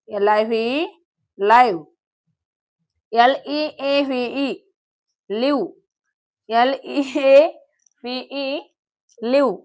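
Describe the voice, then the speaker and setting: A woman teaching spoken English in a slow classroom manner, spelling out words letter by letter for learners to repeat. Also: on the high side.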